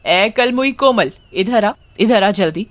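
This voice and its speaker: Cartoon storybook: a cruel mother, voiced by a woman, scolding and shrill. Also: animated, a little slow, no room sound, lightly acted. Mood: harsh.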